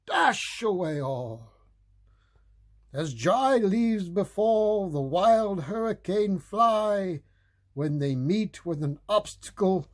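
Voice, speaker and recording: A man's voice: high voice, darkish tone, husky, full character voice. A man playing a kindly, playful old Santa Claus, reading a storybook aloud in a jolly, theatrical way with chatty asides. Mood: excited, calling out. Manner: jolly, chuckling, theatrical, unhurried.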